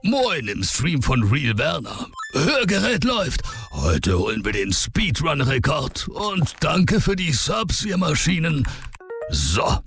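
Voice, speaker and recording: An actor playing a hearty elderly gamer greeting a livestream audience in a radio ad. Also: male voice, a little high, huge pitch swings, slow, a bit bright, husky, faint music behind, full character voice. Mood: gung-ho.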